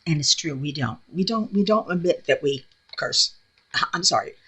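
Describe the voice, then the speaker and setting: A middle-aged craft vlogger from New York, with a New York accent, rambles casually and bluntly in her home craft room, laughing often. Her voice is lowish, animated, a bit bright, and breathy at the edges, at a moderate pace.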